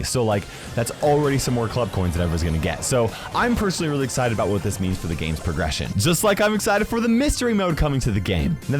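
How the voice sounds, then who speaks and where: A man hosting a casual gaming news video, emphatic and conversational, often checking in with tag questions. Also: medium pitch.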